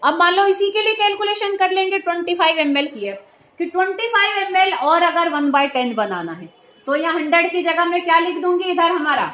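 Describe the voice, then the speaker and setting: A woman teacher with a high voice explains a lab procedure step by step in a school chemistry lab. She talks patiently and keeps checking that her students follow along. The room gives her voice a clear echo. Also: expressive, brisk, a bit bright. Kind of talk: hands-on lab demonstration. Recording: roomy echo.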